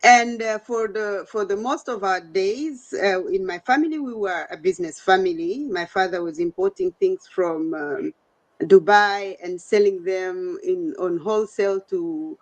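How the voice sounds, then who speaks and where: A woman's voice: medium pitch, expressive, unhurried. A middle-aged woman from Uganda, a guest in an online interview, speaking conversationally with frequent fillers over a video call. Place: home, The Hague.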